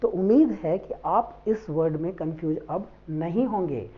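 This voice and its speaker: A woman's voice: fairly low pitch, normal speed. A woman teaching a spoken English lesson, spelling words out letter by letter and mixing in Hindi. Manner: switches between English and Hindi. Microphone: faulty mic. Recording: dull lo-fi mic.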